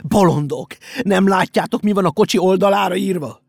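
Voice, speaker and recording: Guy voicing a old donkey yelling in panic, way high pitched, gravelly. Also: no room sound, clean studio sound. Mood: frantic shouting. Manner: shouting in alarm. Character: old male donkey, grumpy, now frantic.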